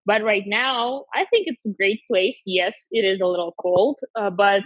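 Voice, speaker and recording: A young woman from Siberia with a Russian accent and Russian as her first language, chatting relaxed as a podcast guest. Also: mid-range voice, normal speed, dry recording. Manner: relaxed and chatty, frequent "like" fillers. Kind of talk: casual interview chat. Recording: slightly dull lo-fi audio.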